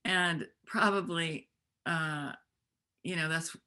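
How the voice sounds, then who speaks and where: Calm low-voiced woman festival organizer. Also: clean tone. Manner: calm, measured, many restarts. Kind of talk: casual panel discussion. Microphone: video call.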